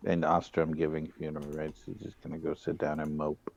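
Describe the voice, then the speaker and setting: A man at a tabletop game, making loud, rambling asides. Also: extremely low pitch, monotone, brisk, vocal fry.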